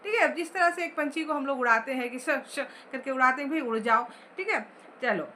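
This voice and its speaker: A woman's voice: sits high, expressive, fairly quick, sharp tone, a little hiss or hum. A woman teacher explaining a story chapter line by line, asking the class questions as she goes.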